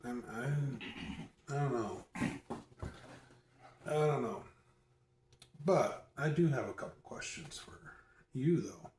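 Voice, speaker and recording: A soft-spoken man hosting a relaxed chat, ribbing his friend. His voice sits in the middle of the male range and sounds distant from the phone, with a roomy echo and a faint hum behind. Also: mid-range voice, slow pace, pauses often. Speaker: host. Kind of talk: casual chat. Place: echoey indoor room. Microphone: phone across the room, no mic. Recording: echoey room, far from phone.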